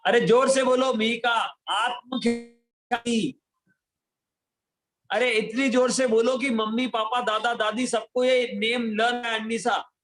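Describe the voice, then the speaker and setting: A man's voice: very high-pitched, flat delivery, moderate pace, few pauses, fairly bright tone. A man teaching a children's scripture class, calling on pupils by name, quizzing them and coaxing them to answer aloud, slipping English words and numbers into his talk.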